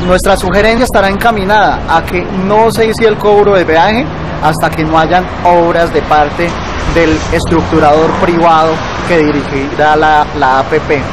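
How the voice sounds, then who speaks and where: A man's voice: fairly high pitch, fairly even intonation, moderate pace. A man in his thirties with a Colombian accent, a civic leader giving an earnest, persuasive interview outdoors by a building. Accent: Colombian Spanish. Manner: earnest, persuasive, with some repeated filler words. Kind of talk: on-camera interview statement. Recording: loud outdoor traffic noise behind.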